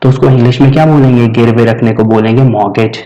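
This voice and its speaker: A man's voice: medium pitch, fairly even intonation, quick pace, dark tone, rough recording. A man teaching vocabulary, explaining patiently and repeating each answer for his students. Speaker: English teacher. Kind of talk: vocabulary lesson.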